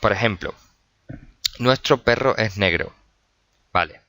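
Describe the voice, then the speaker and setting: A male teacher with a Spanish accent giving a recorded video lesson, explaining patiently with pauses, fillers and many examples. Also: lowish voice, vocal fry, pushed and bright, no echo.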